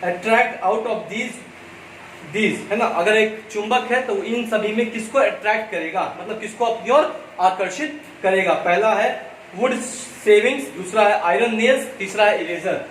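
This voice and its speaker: A man with an Indian accent teaching a school lesson, explaining slowly and repeating key points. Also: sits high, fairly bright tone. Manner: slow, repetitive explaining, switching between Hindi and English. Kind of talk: classroom lesson. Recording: echoey room, mic far off, faint ambient noise.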